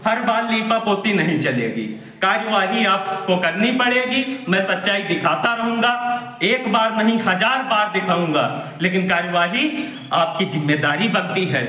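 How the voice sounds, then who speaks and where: A man, a social activist, reporting indignantly and emphatically while walking around a village primary school, speaking loudly to the camera. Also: high voice, expressive, measured pace, roomy sound. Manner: indignant, emphatic, loud denunciation. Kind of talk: on-the-spot investigative video report.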